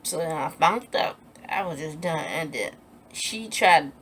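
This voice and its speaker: A young woman telling a personal story in a storytime vlog, animated and emphatic, acting out what people said in a raised voice and repeating herself when upset. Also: low-pitched, unhurried, slight background noise. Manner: animated, acts out quoted lines in a raised voice.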